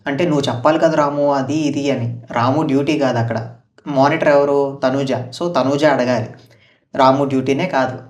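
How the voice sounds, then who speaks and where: A man's voice: mid-range voice, steady tone, normal speed. A man giving a casual recap of a reality show's episode, retelling the contestants' lines in quotes and adding his own opinions. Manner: chatty, retells house dialogue in quotes, opinionated asides. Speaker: show reviewer. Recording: roomy echo, voice far from mic.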